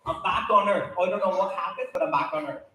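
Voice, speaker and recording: A man acting out a folksy old backwoods hunter with a thick Vermont accent. He rambles and repeats himself in a mumbly, high-pitched voice. It is a comic stage sketch, captured in a very reverberant hall. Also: fast, pushed and bright. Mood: folksy, rambling. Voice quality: thickly mumbled, hard to understand. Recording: very echoey live hall.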